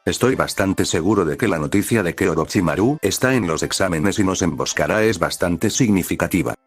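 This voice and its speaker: A man's voice: deep voice, lively intonation, a little fast, slightly rough, soft background music. A man voicing a cool, proud teenage male ninja in a storybook reading, terse and self-assured. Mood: firm.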